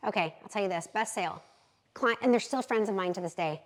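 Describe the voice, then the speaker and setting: A realtor in her thirties, telling animated, candid stories as a podcast guest. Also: mid-range voice, quick pace, rough recording. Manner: animated, candid, acts out quotes. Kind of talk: lively storytelling in an interview.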